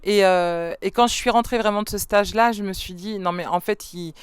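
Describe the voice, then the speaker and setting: With a brisk, smooth, mid-range voice, a band singer and songwriter whose native language is French works through interview questions. She's thoughtful and halting, with many fillers and restarts, captured dry on a studio microphone.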